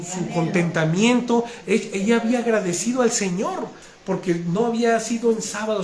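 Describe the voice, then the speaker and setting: A man's voice: high-pitched, a little mellow. A man, telling a heartfelt personal testimony during a sermon. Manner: earnest, heartfelt storytelling with frequent restarts. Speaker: preacher. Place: congregation hall. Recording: echoey room with faint noise.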